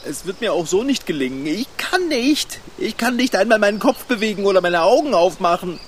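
A man's voice: sits high, lively intonation, brisk, slight background noise. A man voicing a timid, panicky character afraid of heights in a radio play, talking in an anxious, whiny way.

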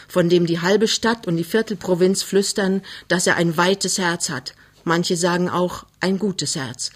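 A narrator reading a novel aloud in an even, measured storytelling manner. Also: medium pitch. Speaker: audiobook narrator. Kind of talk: literary audiobook reading.

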